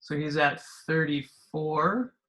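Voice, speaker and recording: A game master running a tabletop game, relaxed and thinking aloud with fillers. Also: mid-range voice, slow.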